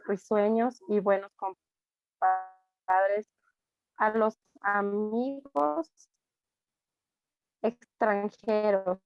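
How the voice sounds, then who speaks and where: A woman's voice: mid-range voice, no room sound. Woman, Ecuadorian accent, reading aloud to class, dry muffled audio. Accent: Ecuadorian Spanish. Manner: steady reading with small slips and self-corrections. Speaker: student.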